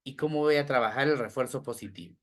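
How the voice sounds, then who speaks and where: A man's voice: mid-range voice, fast talker, a bit bright. A man giving an online training lecture to teachers. He explains step by step, lists examples and keeps checking in with "¿verdad?". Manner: addresses listeners directly, asks how they are following. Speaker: teacher trainer in educational psychology.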